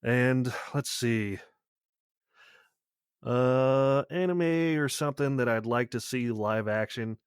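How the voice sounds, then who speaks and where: A man calls in and leaves a long voicemail, rambling along in an easygoing, loose way with plenty of hesitations. His voice sits at an ordinary pitch for a man. The sound is dry and close, with no room around it. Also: slow pace, clear, resonant tone, no room sound. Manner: rambling, casual, with many "uh" fillers. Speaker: caller to a podcast. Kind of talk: leaving a voicemail.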